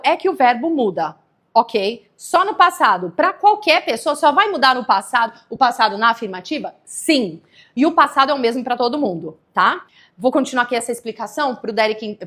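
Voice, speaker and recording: A woman's voice: fairly high pitch, a bit bright. A woman from Brazil teaching English grammar in a live online lesson, explaining patiently and checking in with viewers often.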